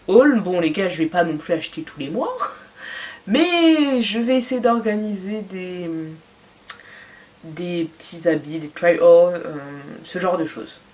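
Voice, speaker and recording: A young woman gushes over her latest buys in a casual haul vlog, her talk full of fillers and little exclamations. Her voice sits a touch low for a woman. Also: a little mellow. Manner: enthusiastic, chatty, with frequent fillers. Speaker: fashion and beauty vlogger. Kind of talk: casual haul video chat.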